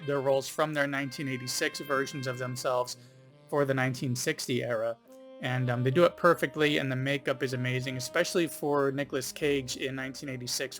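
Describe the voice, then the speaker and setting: A man's voice: medium pitch, a bit bright. A man hosting a casual film review video, rambling a little with frequent ums and you-knows. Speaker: film reviewer, channel host.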